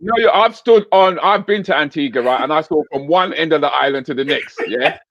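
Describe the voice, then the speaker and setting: A man's voice: on the high side, fairly quick, a bit bright, no echo. A British man hosting a casual online chat show, teasing his guest in a jokey, laid-back way. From Britain. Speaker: comedian host. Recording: dry, slightly muffled call audio.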